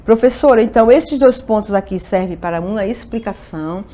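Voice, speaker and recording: A woman's voice: medium pitch, fairly quick, mellow. A woman teaching a Portuguese exam-review lesson, asking questions and answering them herself and often checking in with her students.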